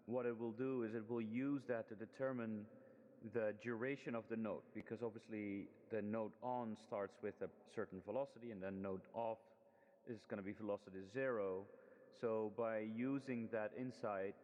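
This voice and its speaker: A fairly low-voiced man talks through a screen demo in a relaxed, halting way, trailing ums and restarting his sentences. Heavy reverb washes over every word, as though he were speaking in a large hall, and the sound is dull and lo-fi. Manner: hesitant, many ums and restarts. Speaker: student presenting a final project. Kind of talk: casual screen demo walkthrough.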